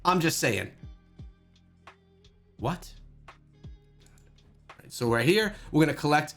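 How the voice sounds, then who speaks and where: A man hosting a gaming channel, talking through gameplay with animated exclamations. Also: fairly high pitch, slow pace, soft background music. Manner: animated and exclamatory, thinking aloud. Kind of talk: gameplay commentary.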